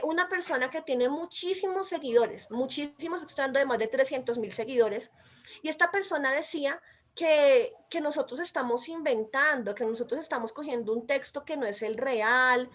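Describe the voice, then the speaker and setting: A Colombian woman with a high voice and a Colombian accent explains a legal text, pressing her points home with emphatic, insistent delivery. Naturally loud, she sounds almost as if she's shouting and describes herself as loud and shrill by nature. She's a mother and commentator offering explanatory commentary.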